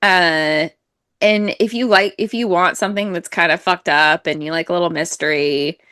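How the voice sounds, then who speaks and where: A woman's voice: on the low side, moderate pace, sharp tone, no room sound, studio quality. A woman co-hosting a podcast, chatting casually about books with fillers and frequent laughs. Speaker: podcast co-host. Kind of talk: casual book chat.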